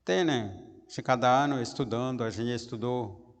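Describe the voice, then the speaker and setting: A priest giving a daily homily in simple, halting phrases, often tagging lines with a questioning "né?"; Portuguese is not his first language. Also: mid-range voice, big-room sound. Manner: halting, frequent "né?" tags, simple broken phrasing.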